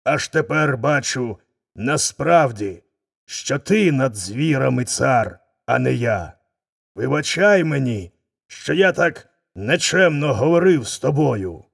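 A man's voice: medium pitch, lively intonation, takes it slowly, creaky, full character voice. A man voicing a cowed, frightened lion. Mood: scared, gloomy. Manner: gloomy, whispering in fear. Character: humbled, frightened male lion. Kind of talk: folk tale reading.

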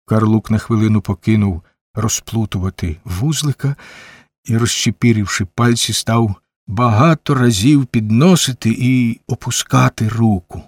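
A man reading a novel aloud as a measured audiobook narrator. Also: lowish voice, a little mellow, dry recording. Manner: measured, unhurried storytelling. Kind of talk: scripted narration.

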